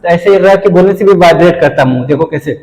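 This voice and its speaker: A man's voice: sits high, quick pace, a little mellow, echoey room, big-room sound, poor audio. A male teacher giving a classroom lecture, explaining at a board and asking and answering his own questions.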